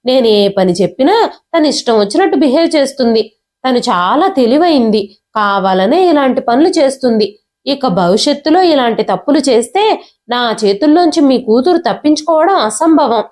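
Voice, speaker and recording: A woman's voice: high-pitched, animated, moderate pace, a little mellow. A woman voicing an angry, domineering young wife who harshly scolds her sister-in-law in a storybook reading. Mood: resentful.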